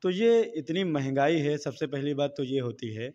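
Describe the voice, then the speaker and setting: A man being interviewed who speaks softly at first and then declaims political couplets with rising force. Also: on the high side, lively intonation, normal speed, big-room sound, muffled recording. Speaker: interviewee, local political campaigner. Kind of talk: recited political couplets and appeals.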